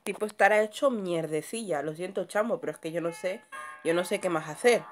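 A woman's voice: on the low side, brisk, faint music behind. A woman casually commentating a horror game, swearing a lot, muttering under her breath and screaming when startled. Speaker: gamer streamer.

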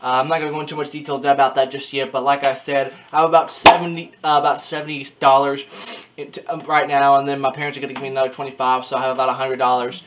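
A man's voice: mid-range voice, little pitch movement, fast, background noise. A man in his early twenties rambling casually to his webcam in a small bedroom, with frequent restarts and repeated filler phrases. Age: early 20s. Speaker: vlogger. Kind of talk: casual talking-head vlog.

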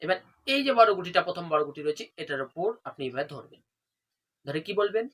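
A man teaches a devotional practice step by step, in a voice that is bright and somewhat breathy and sits a little high for a man. He keeps asking his listeners what to do next and then answering, and he slows right down to chant the mantras. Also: lively intonation. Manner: asks rhetorical questions then answers them. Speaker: religious instructor. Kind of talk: devotional how-to demonstration.

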